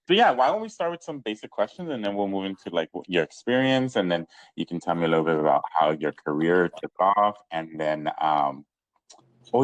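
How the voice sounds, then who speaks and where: Deep-voiced man hosting a casual podcast. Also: no echo, rough recording. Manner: loose, filler-heavy, laughs often. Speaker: podcast host. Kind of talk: casual interview chat.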